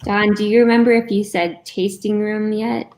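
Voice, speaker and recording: A woman's voice: medium pitch, fairly even intonation, moderate pace, a little mellow. A woman co-hosting a live online bingo event, chatting casually with players and her partner.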